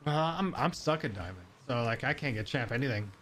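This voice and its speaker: A man's voice: mid-range voice, animated, fairly bright tone, slight background noise. A man chatting casually with a friend while gaming, joking, swearing and laughing often. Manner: profane, joking, quick to laugh. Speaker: gamer. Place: Saint Louis.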